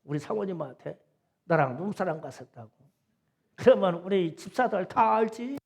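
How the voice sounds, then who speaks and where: A middle-aged man preaching a Sunday sermon in a church, his voice pitched high with a gravelly, creaky grain. He tells his story in a folksy, chatty way. He drops into soft asides and then presses his points home with loud, emphatic insistence. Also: normal speed. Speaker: pastor. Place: church sanctuary.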